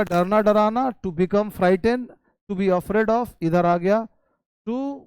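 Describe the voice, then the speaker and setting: A man teaching spoken English in Hindi with an Indian English accent, reading English sentences slowly and explaining them quickly. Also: high voice, clean tone, dry recording. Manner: addresses viewers warmly as "bhai" and "babu".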